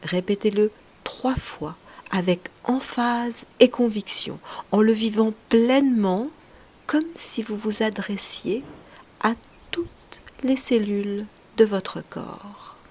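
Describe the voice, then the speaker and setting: In a mid-range voice, a yoga teacher leads a guided relaxation meditation. She is gentle and soothing, offering short phrases at an unhurried pace, often trailing off in a breathy way.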